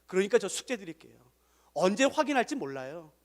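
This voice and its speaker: A man preaching an emotive sermon, swinging between loud exhortation and soft, tender asides. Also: high voice, very animated, brisk. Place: large church hall. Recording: long church hall reverb.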